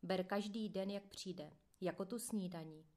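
A woman's voice: medium pitch, a little mellow, natural voice. A woman reading as a resigned old inmate. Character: older male prison inmate, calm and fatalistic.

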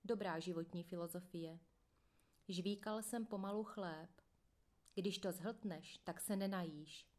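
Woman calmly reading a memoir. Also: on the low side. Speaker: narrator.

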